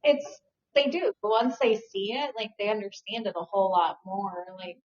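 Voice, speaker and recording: A woman's voice: medium pitch, animated, moderate pace, a little mellow. A woman in her forties hosting a casual patio chat, rambling and chatty with lots of fillers. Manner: chatty, rambling, many likes. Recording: dull lo-fi sound.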